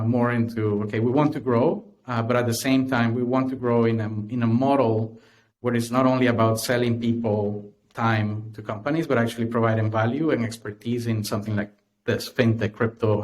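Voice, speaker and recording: A tech company cofounder from Honduras, speaking with a Honduran Spanish accent, is a guest on a podcast interview. His voice is medium in pitch and darkish, and his speech is full of fillers and restarts.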